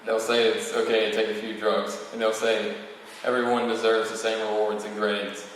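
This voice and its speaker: Young man, student valedictorian, prepared podium speech, flat intonation, heavy hall echo, occasional stumbles. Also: fairly low pitch, moderate pace. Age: young adult, about eighteen. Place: large reverberant room, speaking to an audience. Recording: very echoey hall, distant mic, faint noise.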